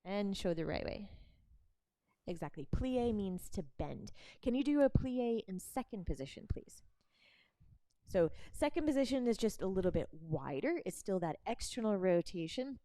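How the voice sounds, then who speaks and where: A young woman instructor talks through barre moves in an encouraging, good-humored way. Her voice is mellow and sits at a middle pitch. The sound is dry and close. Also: expressive, normal speed, no room sound. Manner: instructive, encouraging, laughs often. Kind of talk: demonstration class explanation.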